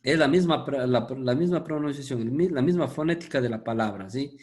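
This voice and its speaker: A man's voice: medium pitch, a little fast, darkish tone. A man teaching English grammar to a class, patient and methodical, checking in with his students as he goes.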